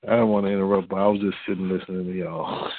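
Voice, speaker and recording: A man leading a church group's conference call over the phone, talking haltingly with many fillers and restarts. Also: low voice, steady tone, a little hiss or hum. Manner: hesitant, full of fillers and restarts. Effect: heard over a phone line. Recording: tinny dry phone line.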